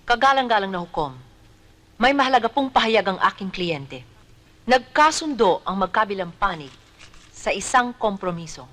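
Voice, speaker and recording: An actress playing a lawyer formally addressing a judge in a film drama. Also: female voice, medium pitch, very animated, fairly bright tone. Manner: formal, measured. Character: composed courtroom lawyer. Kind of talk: formal courtroom speech.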